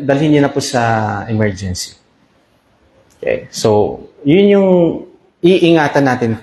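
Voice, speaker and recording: Filipino guy doctor, explains stuff and keeps asking okay?, echoey room. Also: mid-range voice. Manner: explains with repeated "okay?" checks. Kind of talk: health talk to patients.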